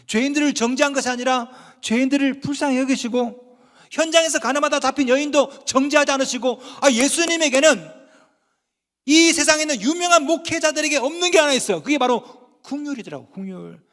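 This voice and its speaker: A man's voice: extremely high pitch, fairly quick, a bit bright. A middle-aged male pastor preaching a sermon in a folksy, conversational way, with rhetorical questions to the congregation. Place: church sanctuary. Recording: long hall reverb.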